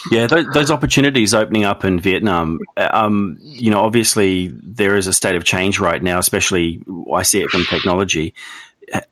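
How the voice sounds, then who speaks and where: A man's voice: low voice, brisk, a bit bright, no echo. A man hosting an interview, asking questions conversationally. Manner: conversational, short agreements. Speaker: podcast host.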